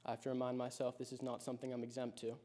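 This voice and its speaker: A teenage boy in his last year of high school, in his late teens, reads aloud a prepared personal speech. He reflects on his story at a measured pace, his pitch fairly level and his delivery completely flat. The voice is mellow and darker.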